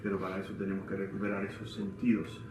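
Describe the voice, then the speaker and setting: A man from eastern Cuba with a Cuban accent, preaching a sermon as pastor, asking his listeners questions and swinging between loud and hushed passages. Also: low voice, monotone, quick pace, background noise. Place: church hall. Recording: echoey church hall, distant mic.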